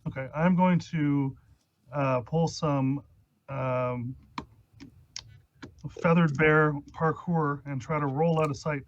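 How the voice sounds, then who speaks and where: A man playing a tabletop game, speaking hesitantly and pausing to think, on a muffled mic with faint background noise. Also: fairly high pitch, steady tone. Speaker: player. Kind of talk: casual tabletop role-play.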